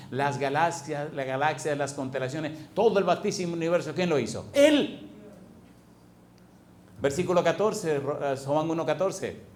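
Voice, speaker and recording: A man's voice: on the high side, a little mellow. Male pastor preaching, tells a story and quizzes the crowd, echoey hall, a bit of hiss. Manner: preaching, asks the congregation questions. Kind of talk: sermon with storytelling. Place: church hall with congregation. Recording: echoey hall, faint background noise.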